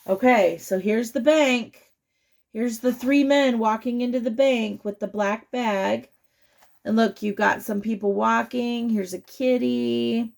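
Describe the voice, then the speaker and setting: A woman leading a children's storytime reads a picture book expressively in a fairly high voice that crackles heavily with fry. She then chats with the young listeners, asking them questions and pointing out the pictures, in read-aloud storytelling with chatty asides.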